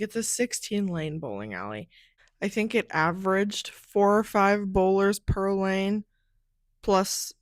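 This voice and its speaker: A woman's voice: mid-range voice, no room sound, clean studio sound. A young woman hosting her own podcast, telling stories in a casual solo chat. She keeps saying "like" and sounds a bit groggy from a nap. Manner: chatty, fills speech with "like". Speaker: podcast host.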